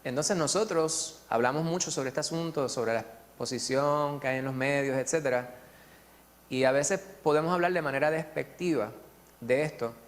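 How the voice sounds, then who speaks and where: A man with a Puerto Rican accent leading a church Bible study, telling personal stories in a chatty way and filling pauses with tag questions. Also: fairly high pitch, big-room sound.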